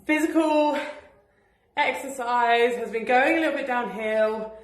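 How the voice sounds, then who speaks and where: A woman's voice: a little high, a little slow, reverberant. A woman chatting casually and cheerfully in a daily vlog at home, laughing often. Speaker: vlogger and business owner. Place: at home, indoors.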